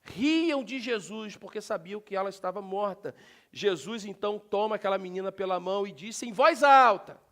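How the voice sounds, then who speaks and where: A man with a Brazilian Portuguese accent preaching a sermon in a church, talking directly to the congregation and breaking into sudden loud shouts. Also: high-pitched, moderate pace. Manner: animated, talks directly to the congregation. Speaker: pastor. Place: church sanctuary.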